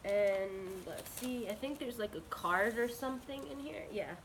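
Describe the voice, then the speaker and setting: Female unboxing vlogger, unhurried and bubbly, sounds a bit sick, some background noise. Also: medium pitch. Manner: gushing, bubbly, drawn-out words. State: slightly sick, with a cold. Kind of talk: casual excited unboxing chat.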